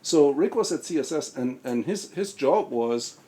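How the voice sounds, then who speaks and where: A man's voice: medium pitch, animated, moderate pace, dark tone. A man on a conference panel telling technical anecdotes in a rambling way, restarting and repeating words often.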